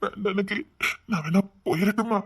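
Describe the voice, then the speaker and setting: A woman's voice: mid-range voice, a little fast, slight background noise, lightly acted. A woman with a Tirunelveli Tamil accent playing a remorseful older man pleading with his wife in a family drama skit. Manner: pleading, sorrowful. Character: remorseful older man, estranged husband and grandfather.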